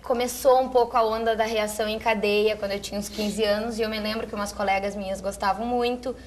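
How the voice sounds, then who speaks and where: A woman's voice: medium pitch, fairly even intonation, fast, slight background noise. A young woman, a guest chatting casually about her teen years. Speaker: guest, fellow TV presenter. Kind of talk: casual chat.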